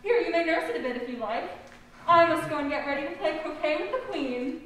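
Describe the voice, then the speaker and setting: A bossy, rude duchess, played by a woman, barks out orders. Her voice is fairly high and is heard from a far stage mic in an echoing hall. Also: lively intonation, a little fast, slight background noise. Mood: brusque. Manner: brusque, bossy and loud. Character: rude, bossy noblewoman, loud and brusque. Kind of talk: stage play acting. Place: school stage in an auditorium.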